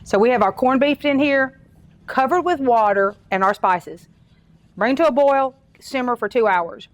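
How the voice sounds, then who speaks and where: A woman's voice: fairly high pitch, unhurried, dry recording. A middle-aged woman with a Southern American accent hosts a cooking show, talking in a homey, chatty way with frequent fillers and restarts. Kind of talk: casual cooking demonstration. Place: home-style kitchen studio.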